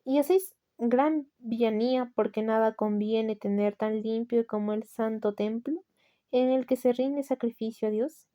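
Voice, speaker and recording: A woman's voice: on the high side, steady tone, unhurried, mellow, close to an everyday voice. A woman with a Latin American Spanish accent voicing a dying male sinner who feigns tearful, humble piety in a storybook reading. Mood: pious. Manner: tearful, pleading, feigned humility. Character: dying male sinner, false pious penitent.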